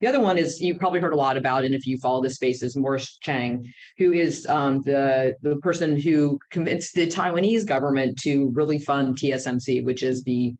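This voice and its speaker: A woman's voice: rumbling low, brisk, a little mellow, poor audio. An American woman moderating a conference panel, chatty and informal, with many fillers and restarts. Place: conference room with audience.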